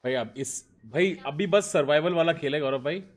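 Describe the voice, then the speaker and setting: A man streaming a shooter game on a headset, coaching a teammate with rapid, repeated commands. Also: a little high. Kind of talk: excited gameplay callouts.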